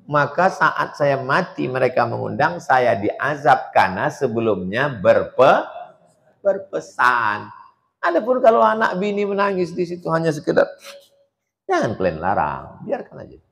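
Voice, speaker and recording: A male preacher delivers a sermon with humor. His pitch rises and falls widely, and he slips into acted voices to make his points. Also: sing-song, a little slow, vocal fry, fairly bright tone.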